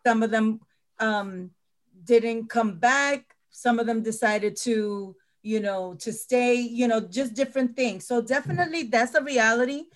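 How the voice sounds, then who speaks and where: A woman's voice: fairly high pitch, a little slow. A middle-aged woman teacher talking earnestly in a panel discussion, often repeating words as she stresses a point.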